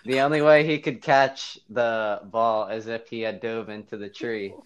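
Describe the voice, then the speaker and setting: A man's voice: on the low side, fairly even intonation, a little slow, smooth, highs cut off. A young man co-hosting a podcast, an easygoing storyteller who chuckles mid-sentence while recalling things with friends. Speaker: podcast co-host. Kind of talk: casual chat among old friends.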